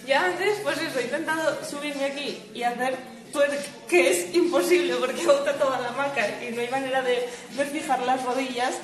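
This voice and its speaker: A woman's voice: high-pitched, steady tone, moderate pace, hardly any pauses, roomy sound. A woman with a Spain Spanish accent hosting a casual livestream chat from a hammock at home, talking into her phone, reading viewer comments and laughing often. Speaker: livestream host. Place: at home lying in a swaying hammock.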